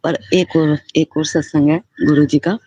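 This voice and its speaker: A woman's voice: low-pitched, fairly even intonation, unhurried, mellow, slightly rough, dry recording. A woman giving a personal devotional testimony, speaking in a heartfelt, repetitive and fervently grateful way. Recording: slightly muffled lo-fi recording.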